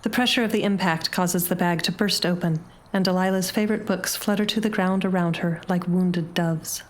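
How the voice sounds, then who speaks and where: Low-voiced woman narrating a story. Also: steady tone. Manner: measured, dramatic storytelling. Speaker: audiobook narrator. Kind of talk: scripted short-story narration.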